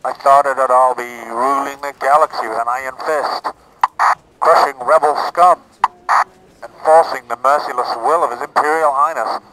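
A man playing a disillusioned, hapless Imperial soldier in a comic parody film, hesitant and deadpan, his voice filtered as if from inside a knight-like helmet. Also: mid-range voice, moderate pace, poor audio. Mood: wistful. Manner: hesitant, deadpan, polite and self-doubting. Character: disillusioned, hapless Imperial Stormtrooper seeking a new career.

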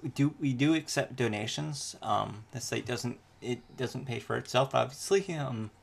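A man, a podcast host being interviewed, talking in a halting way and often leaving his sentences unfinished. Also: medium pitch, gravelly. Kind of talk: casual interview.

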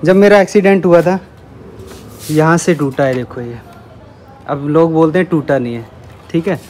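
Indoors and by a parked bike at home, a young man vlogs in a chatty way, pointing out things around the place for his viewers. He speaks at a moderate pace in a fairly high, darkish voice, with a little hiss or hum.

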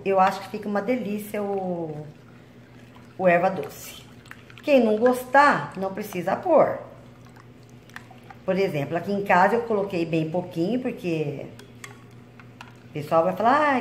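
A cooking channel host talks through every step as she mixes dough at home, her mid-range voice carrying some reverb. There's slight background noise, plus the clink of bowls and utensils.

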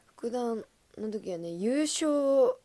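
A young woman in her twenties hosting a casual livestream, chatting with viewers, laughing often and breaking into loud excited bursts. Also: a little high, very slow, no room sound. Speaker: idol livestream host. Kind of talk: casual livestream chat reading comments.

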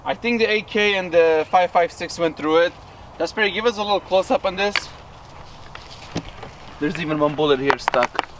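A man in his thirties hosting a casual outdoor video, excited and laughing often. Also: high-pitched, moderate pace, long pauses, noisy background. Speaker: video host. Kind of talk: casual vlog commentary. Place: outdoors in an orchard.

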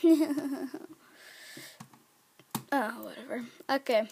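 High-voiced, excitable woman gamer. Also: drawn-out words, gravelly, a little hiss or hum. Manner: chatty and excitable, squealing and counting aloud. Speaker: gaming video creator. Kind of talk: casual gameplay commentary.

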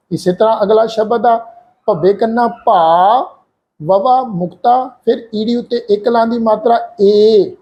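A man from Punjab, India, giving a religious lesson on careful scripture pronunciation, patient and polite, slowly spelling out syllables and drawing them out. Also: sits high, warm tone. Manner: polite, respectful address to the listeners.

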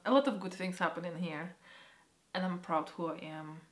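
A young woman from Poland, giving a personal vlog update in a halting, hesitant way that often drops to a soft near-whisper. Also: fairly low pitch. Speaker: vlogger.

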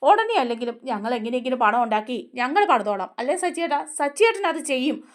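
A woman voicing a gentle young wife who soothes her husband and speaks earnestly. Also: sits high, sing-song, brisk. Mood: soothing.

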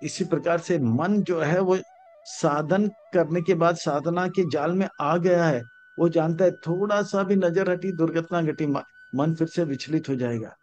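High-voiced Hindi spiritual teacher. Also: male voice, a little mellow. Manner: chants Sanskrit verses slowly, acts out story characters. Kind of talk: Hindi scripture discourse with stories. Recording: dull lo-fi sound with faint music.

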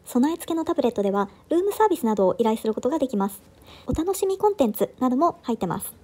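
A woman's voice: sits high, big pitch swings, rapid-fire, dark tone. A woman in her thirties giving an upbeat, enthusiastic scripted voice-over for a travel vlog, recorded indoors. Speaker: travel vlogger.

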